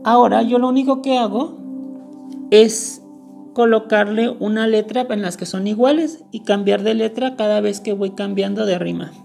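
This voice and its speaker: A woman's voice: medium pitch, fairly even intonation, normal speed, creaky, darkish tone, faint music behind. A woman explaining a lesson step by step, going over each point carefully and repeating the key words. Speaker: teacher. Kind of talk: screen-recorded lesson.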